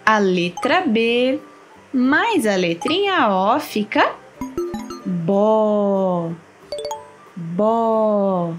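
A woman slowly teaching children their syllables, spelling out each word clearly with long pauses. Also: a little high, very animated. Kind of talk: slow syllable lesson for children. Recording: faint music behind. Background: soft background music.

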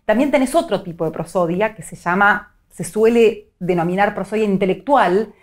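A middle-aged woman with a Rioplatense Spanish accent, a psycholinguist giving clear, teacherly explanations in an interview. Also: mid-range voice, moderate pace. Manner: clear, didactic, illustrates points with examples. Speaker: psycholinguist guest.

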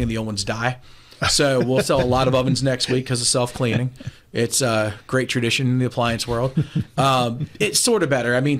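Man in his 40s talking shop on a radio call-in, brisk and sure of himself, studio mic. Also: medium pitch. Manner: brisk, confident business talk. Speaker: appliance store owner guest. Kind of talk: casual radio talk interview. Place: small room, indoors, remote video call. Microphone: studio mic with headphones.

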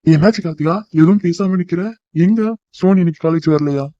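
Man as a suspicious cartoon boyfriend, quick terse lines, muffled dry sound. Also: fairly high pitch, mellow, no room sound, close to an everyday voice. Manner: terse, instructing. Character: young man, questioning and bossy.

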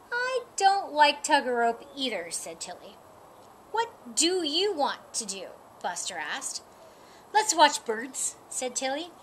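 In a sunny outdoor yard, a middle-aged woman acts as storyteller for a children's picture book, reading at a slow, lively pace. Her high-pitched voice climbs further whenever an animal character speaks. Recorded by a camera a few feet away, with slight background noise.

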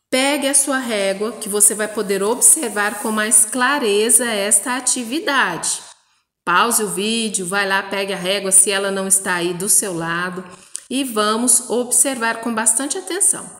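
A woman from Brazil teaches young children in a slow, patient voice, sounding out words one by one. Her voice sits at a middle pitch. The recording carries a roomy echo with a long reverb tail. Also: a bit bright. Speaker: primary school teacher. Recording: echoey room with long reverb.

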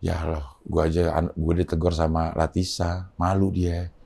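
A man telling a story in a casual podcast chat, animated and slangy. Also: deep voice, measured pace, creaky, slightly rough. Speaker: podcast host.

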